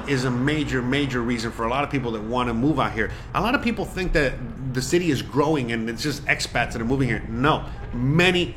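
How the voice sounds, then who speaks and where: A man's voice: mid-range voice, a bit bright, slight background noise. A man in his forties from Miami, talking in a casual vlog monologue, rambling and emphatic with lots of fillers. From Miami, USA. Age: 40s. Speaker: vlogger.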